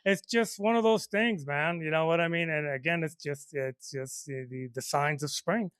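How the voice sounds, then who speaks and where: A man's voice: fairly high pitch, moderate pace, a bit bright, clear, resonant tone, dry recording. A man co-hosting a podcast, telling a funny story in a rambling way, chuckling and saying "you know what I mean" again and again. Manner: chuckles through his lines. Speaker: podcast co-host. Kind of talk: casual comedic storytelling.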